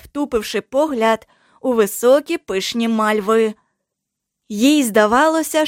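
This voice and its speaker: A woman narrating an audiobook in a studio, with measured, unhurried storytelling. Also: high voice, no echo. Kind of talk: scripted narration. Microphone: studio microphone.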